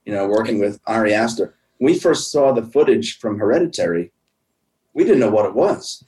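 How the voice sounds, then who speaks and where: A man talking as an interview guest, explaining things in a measured way. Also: fairly low pitch, lively intonation, a little mellow, rough recording. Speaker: guest, visual effects professional. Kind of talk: casual interview chat.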